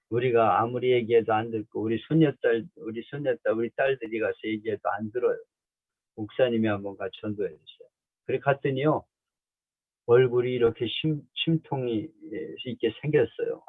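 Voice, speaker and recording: A pastor, a man of some years, preaching a sermon through lively, colloquial stories. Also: mid-range voice, no echo. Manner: animated storytelling, colloquial. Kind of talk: sermon with anecdotes. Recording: tinny phone-like, dry.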